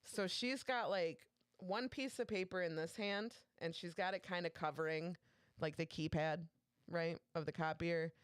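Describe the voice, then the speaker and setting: Laughing, animated young woman telling stories. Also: on the low side, normal speed, clear, resonant tone, no echo, studio quality. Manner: animated storyteller, laughs often, swears freely. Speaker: podcast co-host. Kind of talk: casual chat, storytelling.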